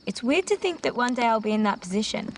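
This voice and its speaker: A woman's voice: fairly high pitch, lively intonation, quick pace, a little hiss or hum, close to an everyday voice. An actress playing a dreamy, thoughtful teenage girl. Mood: musing. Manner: reflective, musing, and sometimes prim. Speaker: high school student. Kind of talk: film dialogue.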